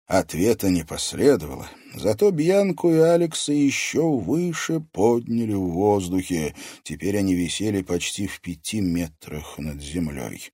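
A man narrating a fantasy audiobook in a dramatic, expressive storytelling manner. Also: low voice, normal speed, few pauses, breathy edge, no echo, studio quality. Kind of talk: scripted narration.

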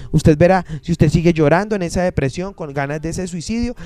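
A man's voice: a little high, dark tone, no echo. A man preaching a sermon as pastor, emphatic and repeating his phrases, acting out the people he quotes.

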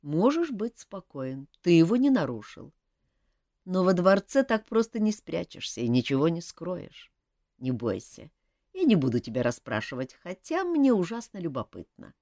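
Woman voicing a young king, teasing, good-humoured, lively pitch, dry recording. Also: normal speed, no echo. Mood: curious.

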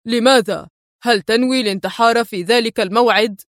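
A woman's voice: medium pitch, moderate pace, dry recording, natural voice. Curt young man interrogating, read by a woman, cold and confident, audiobook voice, dry close sound. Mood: angry. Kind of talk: audiobook character reading.

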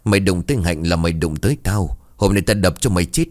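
A man's voice: low-pitched, lively intonation, fast, darkish tone. A man voicing a hot-blooded, protective young village man in a storybook tale. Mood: furious.

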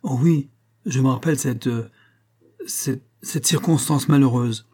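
A man reading an audiobook, voicing a prim, spiteful middle-aged widow who feigns gentle sweetness and insinuates. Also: mid-range voice, a little slow, lightly acted. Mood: insinuating.

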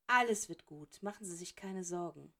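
A woman's voice: on the low side, normal speed. A woman reading as a cheerful, unflappable elderly male headmaster wizard in a storybook, her voice raised and soothing. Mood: beaming. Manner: bright, soothing, jovial. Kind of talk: audiobook character reading.

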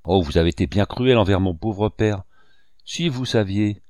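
A man reading the lines of a gentle, tearful young daughter, soft and reproachful, in his own low voice. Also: normal speed, no room sound, clean studio sound, natural voice. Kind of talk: audiobook character reading.

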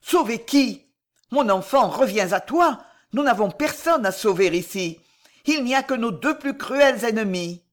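An anxious noble mother, as a woman reads her in an audiobook, fearful and urgent. The voice sits somewhat higher than the narration and swings widely in pitch. She speaks a touch louder, pressing her pleas. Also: lively intonation, unhurried. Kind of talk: audiobook character reading.

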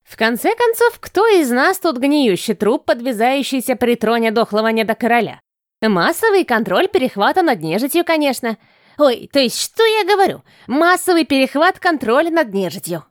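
A woman's voice: high voice, big pitch swings, normal speed, no echo, studio quality. A woman voicing a cocky, mocking goblin trickster. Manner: mocking, boastful.

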